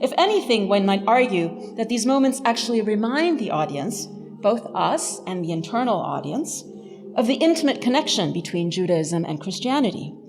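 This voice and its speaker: In a reverberant hall with music playing beneath her, a woman lectures from a script as a professor, wry and emphatic. Her mid-range voice is very animated and moves at a moderate pace.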